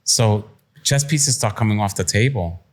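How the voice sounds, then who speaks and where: Candid and plain-spoken, a middle-aged man from Puerto Rico, an entrepreneur guesting on a podcast, tells personal stories in a conversational interview. His voice sits on the low side at normal speed, and he comes off as streetwise and reflective.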